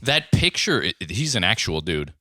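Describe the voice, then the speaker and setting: A man's voice: deep voice, very animated, moderate pace, bright, forceful tone, no echo, studio quality. A man co-hosting a casual podcast chat, rambling through an explanation and breaking into laughter. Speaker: podcast co-host.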